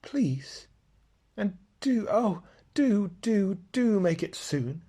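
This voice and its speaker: A man voicing an eager young girl in a storybook reading, speaking up high and pleading. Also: big pitch swings, extremely slow, mellow, husky, full character voice. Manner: pleading, higher, breathless.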